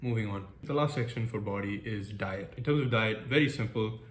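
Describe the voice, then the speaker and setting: A man's voice: lowish voice, a little fast. A young man from the United States talking casually through his goals in a vlog, upbeat and self-deprecating. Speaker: vlogger. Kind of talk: casual goal-setting vlog. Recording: echoey room with faint background noise.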